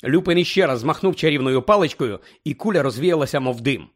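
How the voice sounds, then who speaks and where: A man narrating a fantasy audiobook in an expressive, dramatic reading style. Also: on the high side, a little fast. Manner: dramatic, shifting tone with the story.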